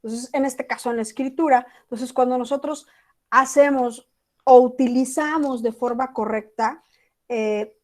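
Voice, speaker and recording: High-voiced Mexican teacher lecturing online. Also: female voice, a little mellow. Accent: Mexican Spanish. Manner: conversational, acts out example text messages.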